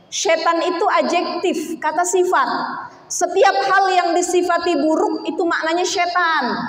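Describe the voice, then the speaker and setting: A woman preacher giving a sermon to a women's gathering, chatty and animated, acting out the voices in her stories. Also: very high voice. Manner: chatty, animated storytelling with acted quotes. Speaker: female preacher. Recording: echoey hall.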